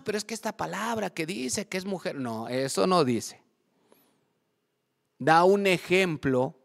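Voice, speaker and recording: A man's voice: medium pitch, long reverb tail. A man preaching a sermon at a church service, often quizzing the congregation with call-and-response questions. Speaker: pastor.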